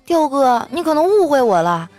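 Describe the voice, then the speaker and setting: A cheeky, sharp-tongued young office girl, as a woman storyteller puts her on, her voice pitched high and swinging up and down. Soft music plays faintly behind her in this comic audio sketch. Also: big pitch swings, moderate pace. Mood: teasing.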